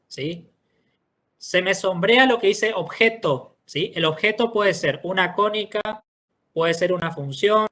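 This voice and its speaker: Patient teacher, step by step. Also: male voice, high-pitched, fairly bright tone. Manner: patient, explains step by step, checks in often with "¿sí?". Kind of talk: online class walkthrough.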